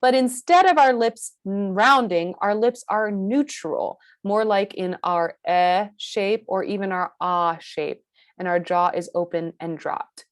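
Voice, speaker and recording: American woman, accent coach, slow deliberate delivery, dry studio sound. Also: medium pitch, no echo. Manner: slow, careful teacher modeling sounds. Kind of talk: pronunciation lesson.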